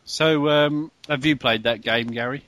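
A chatty man hosting a laid-back gaming podcast, with a bright, forward tone. He laughs easily, swears in passing and keeps the conversation rolling. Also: mid-range voice, unhurried, a little hiss or hum. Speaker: podcast host. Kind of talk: casual chat about video games.

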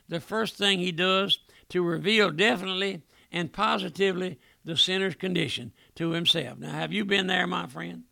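In an impassioned revival sermon, a middle-aged male preacher keeps dropping to a hush on a repeated address to his listener. His voice is high-pitched with vocal fry, and there's no echo.

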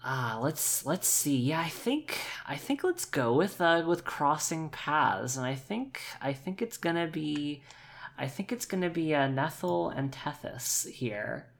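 This tabletop roleplaying player narrates on the fly in an unhurried, sing-song manner, her low voice carrying a gravelly edge. She thinks out loud as an actual play participant, frequently circling back over her own phrases until the words come.

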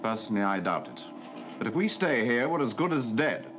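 A man's voice: medium pitch, very animated, fairly quick, noisy background, natural voice. An actor playing a clipped, commanding male army colonel in a 1960s TV drama, precise and authoritative. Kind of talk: 1960s television drama acting. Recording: muffled archive audio with music under.

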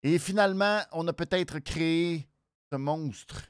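A host with a nasal voice and a Quebec French accent gives a casual show recap, halting and repeating words for emphasis. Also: mid-range voice, clear, resonant tone, no echo, studio quality. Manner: animated, hesitant, halting phrases with repeats for emphasis. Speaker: wrestling show review host.

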